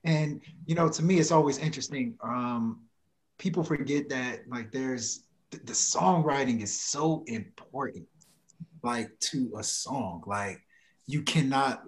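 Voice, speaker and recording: A man's voice: medium pitch, unhurried. A man co-hosting a podcast, asking questions in a casual, thoughtful way. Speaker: podcast co-host.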